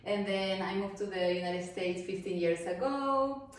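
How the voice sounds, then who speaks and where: A woman's voice: medium pitch, a little slow, slight background noise. A woman from Peru speaking English, a guest in a casual interview, upbeat and friendly. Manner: upbeat, friendly, slightly non-native phrasing. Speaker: guest, event planner. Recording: echoey room, mic at a distance.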